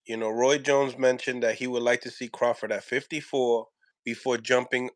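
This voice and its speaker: A man hosts a casual sports reaction video in a mid-pitched voice with a dry, close sound. He is wordy and agreeable, building up to his questions in a roundabout way. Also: little pitch movement, normal speed, dry recording. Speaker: host asking questions.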